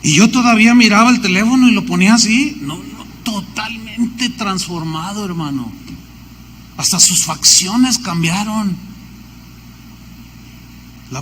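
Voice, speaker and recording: A man with a Mexican accent, preaching a sermon as a pastor, animated, with lists and storytelling asides. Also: sits high, big-room sound, slight background noise.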